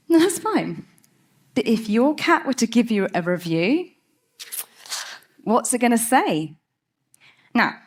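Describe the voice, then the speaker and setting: A woman giving a lively, chatty talk on stage as a cat behaviour speaker, laughing often. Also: medium pitch. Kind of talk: TED-style talk.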